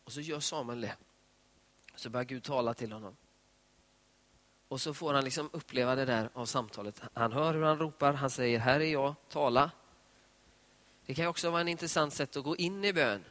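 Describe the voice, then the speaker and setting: A man giving a conversational devotional talk on prayer, retelling scripture scenes in lively voiced dialogue. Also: medium pitch. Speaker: preacher. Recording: long hall reverb.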